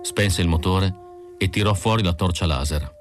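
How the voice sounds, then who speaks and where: A man narrating an audiobook in a measured, steady reading. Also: sits low, soft background music. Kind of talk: scripted narration.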